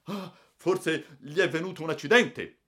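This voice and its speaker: A man's voice: fairly low pitch, animated, fairly quick, sharp tone. A man voicing officious male train officials who speak firmly. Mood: alarmed. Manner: firm, officious.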